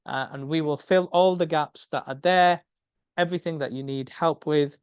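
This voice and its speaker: Middle-aged man from the UK giving a webinar talk. He speaks earnestly, with a smooth voice that is fairly high for a man, and he often repeats words as he thinks. The sound is dry, dull video-call audio. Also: fairly even intonation, normal speed, no echo. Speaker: medical educator and academy speaker. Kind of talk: webinar presentation.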